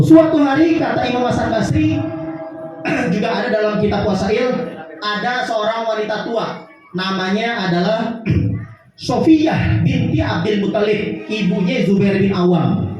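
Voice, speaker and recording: A man tells a lively, jokey story in a sermon and switches voices for the people in it. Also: high voice. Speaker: preacher. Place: large hall at a religious gathering. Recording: echoey hall, distant mic, dull sound, faint music.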